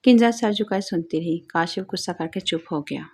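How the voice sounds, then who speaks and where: A woman's voice: on the low side, darkish tone, husky. A woman narrating an audio story with a moralizing, plain storytelling manner.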